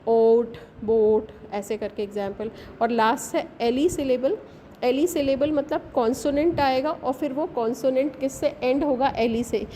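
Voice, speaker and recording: A woman's voice: high-pitched, steady tone, a little slow, mellow, slight background noise. A woman teacher, explaining a bilingual lesson step by step and often checking with "right?". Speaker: English teacher.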